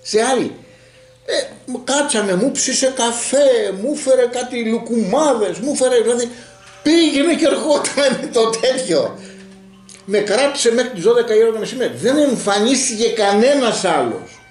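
A man's voice: very high voice, lively intonation, roomy sound, soft background music. A man telling a long story in casual group talk and acting out the dialogue as he goes.

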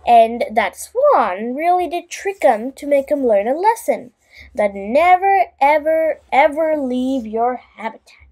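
Speaking to young listeners as the host, a high-pitched woman gives an expressive, carefully paced reading of a bedtime story for children.

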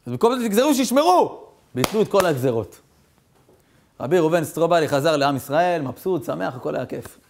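A man with a fairly high voice gives a storytelling sermon as a rabbi. His pitch swings widely as he acts out the people in the tale, then drops back into plain narration. His delivery is animated throughout. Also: gravelly.

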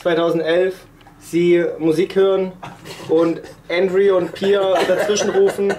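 A man in his thirties improvising a joking fairy tale for friends in short, halting phrases. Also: sits high, little pitch movement, background noise. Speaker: storyteller. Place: room in a home, indoors.

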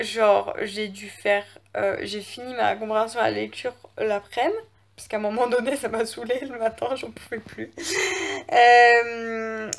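A woman's voice: fairly high pitch, creaky. A teenage girl, chatting casually in a home vlog, rambling with lots of fillers and hesitations. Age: teens. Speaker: vlogger. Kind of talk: casual chat. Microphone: phone camera.

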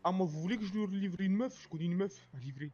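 A playful man clowns around in a GTA roleplay, talking quickly in a high voice. His mic sounds dull and lo-fi, with a faint hiss behind it. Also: a little mellow.

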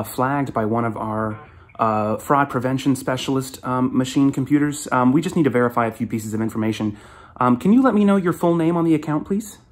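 Man using a female voice changer as a prim support agent lady. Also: medium pitch. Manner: halting official phone-support politeness, many ums. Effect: female voice changer on a phone call. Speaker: scam baiter on a prank call.

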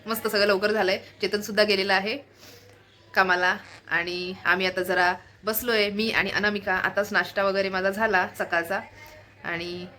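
A woman's voice: mid-range voice, little pitch movement, normal speed, sharp tone. Chatty woman vlogging from home. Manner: chatty, laughs often, coos at pet bird. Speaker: family vlogger. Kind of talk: casual chat to camera.

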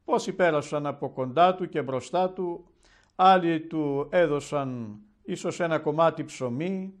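Solemn bishop with a fairly high voice. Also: male voice. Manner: measured, solemn storytelling delivery. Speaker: Orthodox metropolitan bishop. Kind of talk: televised Gospel sermon.

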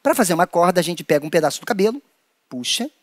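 A Brazilian children's performer runs a playful hand-play workshop, his voice high for a man and bouncing through a wide, sing-song range at a quick pace. He's animated, voicing creatures in squeaky high tones, and he has a Brazilian Portuguese accent. The sound is close and dry, with no echo or room around it.

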